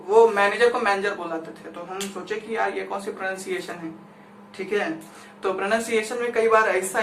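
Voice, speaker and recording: Lecturing in a classroom, this Indian man keeps a chatty, conversational tone and keeps checking that his listeners are following. His voice is high, pushed, and bright, captured from a distance with a roomy echo and faint noise.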